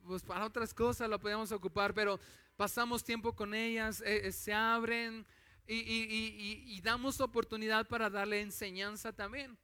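A man's voice: sits high, fairly even intonation, normal speed, pushed and bright, clear, resonant tone. A man with a Mexican accent preaching a conversational sermon as a pastor, telling family stories in a chatty, anecdotal way.

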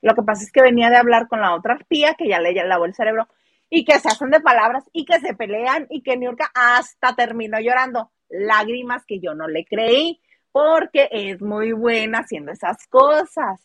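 A woman with a Mexican accent chatting casually about gossip, animated and mimicking people as she talks. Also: on the high side, moderate pace, no echo. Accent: Mexican Spanish. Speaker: host.

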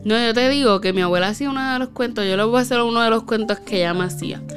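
A woman's voice: fairly high pitch, rapid-fire, faint music behind. A woman casually telling a spooky personal story, with lots of fillers and tag questions.

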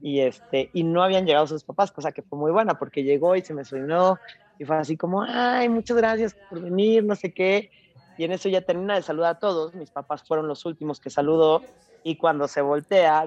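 A young woman with a Mexican accent telling a story in casual chat, slangy and animated, acting out bits of dialogue. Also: low-pitched, muffled recording.

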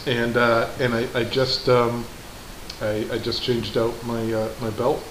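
A man's voice: medium pitch, flat delivery, unhurried. Laughing New England man in echoey garage. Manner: rambling, restarts often, laughs easily. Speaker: podcast co-host. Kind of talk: casual chat. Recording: echoey room, background noise.

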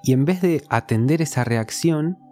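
A man's voice: on the high side, normal speed, darkish tone, faint music behind. A man with a Rioplatense Spanish accent, talking in a casual conversation and explaining his ideas through everyday examples.

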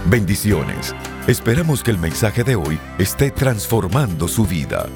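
A man reading a scripted announcement as announcer, in a smooth, measured delivery that repeats the details. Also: sits low, big pitch swings. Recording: announcement over clear background music.

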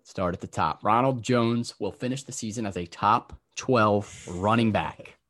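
A young man hosting a casual fantasy football podcast, briskly rattling off lists of players and giving his takes. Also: on the low side, fairly bright tone.

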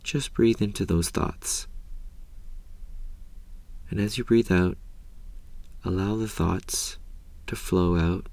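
Very deep, creaky, slow male meditation guide. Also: no echo. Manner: calm, gentle, measured delivery with long pauses.

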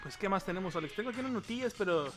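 High-pitched northern Mexican man bantering in slang. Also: lively intonation, racing, music in the background. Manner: slangy, mixes in bro and man. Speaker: show host. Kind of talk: casual banter.

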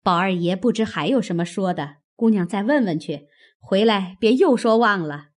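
A woman's voice: mid-range voice, animated, normal speed, natural voice. A woman voicing an old female servant who is obliging and careful in a storybook reading. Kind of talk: audiobook character reading.

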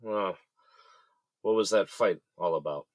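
A man's voice: sits low, a little slow, darkish tone, dry recording. An actor playing a wary male inmate who talks in a curt, guarded way. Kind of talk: audio drama acting.

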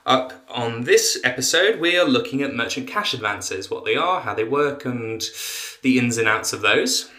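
A man's voice: medium pitch, expressive, normal speed, pushed and bright. A man co-hosting a podcast with casual, wry teasing. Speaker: podcast co-host. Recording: roomy, echoey sound.

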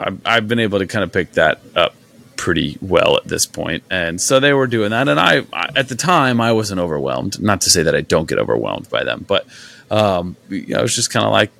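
A young man with a somewhat low, gravelly voice hosts a podcast. He talks in a loose, rambling way and leans on fillers as he shares a story with his co-host. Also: fairly bright tone. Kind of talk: casual chat.

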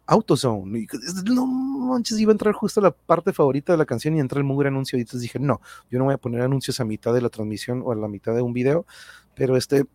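Mexican guy hosting a livestream, casual slangy chat, thanking viewers, mid-pitched voice. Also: a little mellow, no echo. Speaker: livestream channel host.

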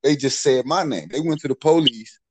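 A man's voice: mid-range voice, normal speed, breathy edge, no echo, rough recording. A middle-aged man telling street stories in a casual, profane way, full of "you know what I'm saying.". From Maryland, USA. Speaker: podcast storyteller.

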